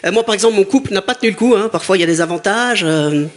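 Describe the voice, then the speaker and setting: A young man from Brussels doing stand-up comedy, joking with the crowd and mocking himself, in a high, soft voice that wavers. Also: rapid-fire. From Brussels, Belgium. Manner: joking banter with the audience, self-mocking. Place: theater stage before a live audience. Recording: live stage recording with loud crowd. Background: loud audience laughter and cheering.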